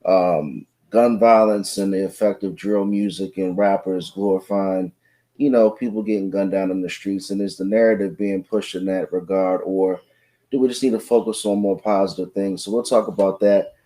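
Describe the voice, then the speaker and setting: Laid-back male co-host, warm and low. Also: steady tone, moderate pace. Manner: laid-back, conversational, uses slang. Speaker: podcast co-host. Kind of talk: casual podcast chat.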